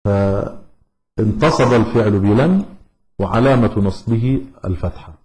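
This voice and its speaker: A man teaching a grammar lesson, slow and deliberate, repeating each example word. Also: lowish voice, warm tone. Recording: echoey room.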